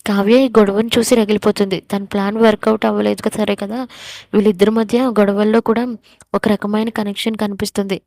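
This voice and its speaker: A woman's voice: medium pitch, little pitch movement, brisk, no echo. A woman reading a romance story aloud, voicing the characters' quarrels in her own voice. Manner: reads every character's lines in her own voice, louder for the quarrels. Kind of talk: scripted story narration.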